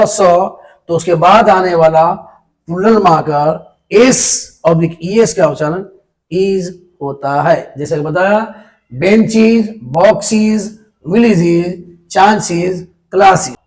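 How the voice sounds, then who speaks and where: A man teaching an English pronunciation lesson to pupils, slowly repeating and spelling out sounds. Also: sits high, a little mellow, poor audio.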